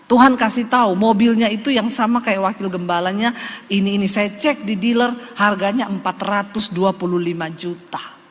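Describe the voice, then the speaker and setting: A woman's voice: mid-range voice, steady tone, moderate pace. A woman pastor, preaching emphatically and conversationally to her congregation in a church hall. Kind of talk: sermon.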